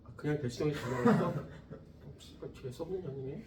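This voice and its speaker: A man's voice: fairly high pitch, fairly quick, far from the mic, noisy background. A man in his thirties teaching a physics class, joking, swearing casually, and chatting with his students. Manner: profane, joking, animated. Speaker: physics tutor. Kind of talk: classroom lecture. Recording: echoey classroom, off-mic.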